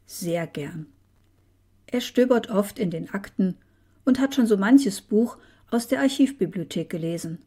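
Soft-spoken woman reading a story. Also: mid-range voice, lively intonation, unhurried, slightly rough. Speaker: narrator. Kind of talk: storybook narration.

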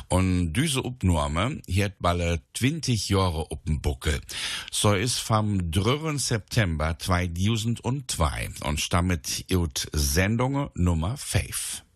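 Deep voiced guy hosting a radio show, dry studio sound, calm and explaining. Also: no echo. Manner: calm, explanatory, translating a poem line by line. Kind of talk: radio presentation, partly in dialect.

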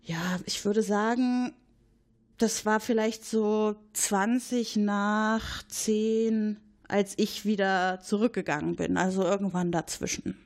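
In an improvised audio drama, a woman plays a chatty, gossipy male supervisor at a military base who rambles and hesitates while pointing at a colleague, clearly eager to accuse. Her mid-range voice keeps a steady tone and moves slowly.

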